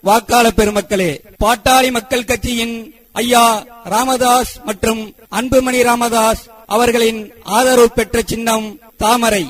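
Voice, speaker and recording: A man's voice: very high-pitched, a bit bright. A man making a formal election campaign announcement, appealing to voters in a declamatory style.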